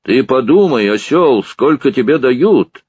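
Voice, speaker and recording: A man reading an audiobook, voicing a fat, pompous doctor who talks in a domineering boom. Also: animated, a little slow, a little mellow, husky, no echo, highs cut off. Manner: bossy, booming.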